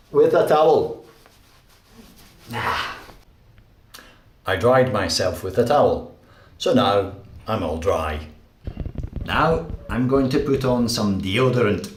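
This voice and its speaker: A man teaching English, slowly narrating everyday actions in a clear, deliberate way. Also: mid-range voice, expressive, roomy sound. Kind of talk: slow, simple narration of daily actions.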